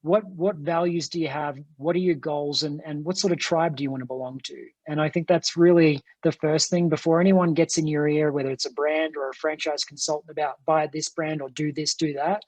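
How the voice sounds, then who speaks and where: Speaking a little fast with few pauses, this male guest, a franchise company executive, answers interview questions on a video call in a slightly high, fairly even, somewhat mellow voice. His English carries a non-American accent, and he's earnest and eager, frequently restarting his sentences. No room sound is audible.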